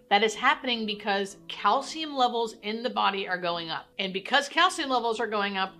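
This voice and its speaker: Bright, clear-cut woman explaining reassuringly. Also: mid-range voice. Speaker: hospice nurse and educational presenter. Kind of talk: explanatory talk to camera.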